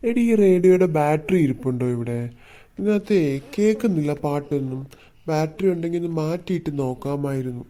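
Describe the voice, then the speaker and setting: A mellow, soft-toned father, played in a family comedy skit. He talks in a gentle, coaxing way, apologizing and smoothing things over. The pitch stays in a middle range. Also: brisk, close to an everyday voice. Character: easygoing, placating father.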